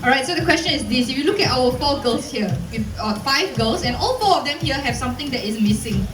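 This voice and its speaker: High, cheery Singaporean woman zookeeper. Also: animated, fast, recorded from a distance. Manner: cheery, playful, coaxing the audience. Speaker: zookeeper presenting a keeper talk. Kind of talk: live educational show presentation to an audience. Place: open-air covered viewing stand at zoo. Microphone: handheld PA mic, filmed from audience. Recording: echoey PA speakers, recorded from afar, music behind.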